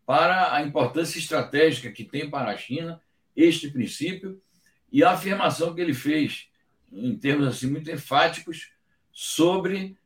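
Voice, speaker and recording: A man giving measured, emphatic political commentary on a live stream, pausing often with hesitation fillers. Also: a little high. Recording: echoey, distant from the mic.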